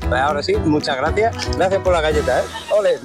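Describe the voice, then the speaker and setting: A man's voice: fairly high pitch, animated, fast talker. A man roving a fan convention as a reporter, interviewing guests in a jokey, upbeat and teasing way. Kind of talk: playful on-the-spot interviews. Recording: loud music in background. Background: loud event music.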